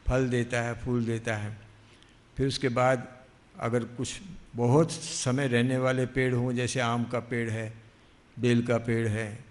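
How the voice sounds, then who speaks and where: Slow devotional storyteller man, echoing hall. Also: mid-range voice. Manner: slow, explanatory, lingers on words. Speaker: monk storyteller. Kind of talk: devotional storytelling with sung verses. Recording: long hall reverb, faint music behind.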